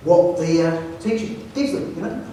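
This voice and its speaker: A man with a London accent, a headteacher giving a jokey, animated talk to an audience. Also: high voice, moderate pace, slight background noise. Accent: London English. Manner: jokey storyteller, animated, self-mocking. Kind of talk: anecdotal presentation to an audience. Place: large hall with audience. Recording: echoey hall, speaker far from mic.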